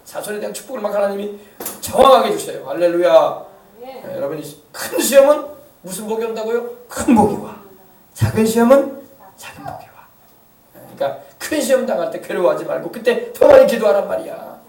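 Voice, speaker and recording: High-voiced pastor guy preaching fast, mic far off in an echoey church. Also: gravelly. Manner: animated preaching with call-and-response and acted-out quotes. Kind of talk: sermon. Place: church sanctuary.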